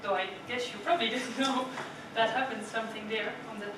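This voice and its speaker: Slightly high, fairly even in intonation and brisk, a young woman from the Netherlands gives her club a prepared talk. She chats, asks the audience things, and often ends with "right?". The recording comes from far off in a noisy, echoing meeting room.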